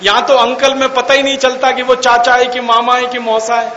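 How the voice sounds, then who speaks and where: Man, very high voice, bright and forceful, mocking rhetorical lecture, spells words out, echoey hall with faint hiss. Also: completely flat delivery, moderate pace, muffled recording. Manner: mocking, argumentative, rhetorical questions; spells out words letter by letter for emphasis. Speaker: public speaker. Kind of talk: lecture to an audience.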